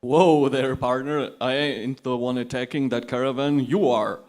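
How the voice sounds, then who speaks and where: A man reading a gruff, trigger-happy male pegasus gunslinger with a folksy drawl, performed as a live script reading. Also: medium pitch, fairly even intonation, unhurried, a little mellow, close to an everyday voice. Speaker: script reader.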